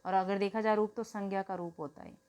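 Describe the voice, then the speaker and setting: A woman teacher explains grammar to her students in an even, mid-pitched voice. She poses questions and answers them herself, repeating each key word slowly. Now and then she turns to the children and tells them to note a point down. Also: smooth. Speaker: Hindi teacher.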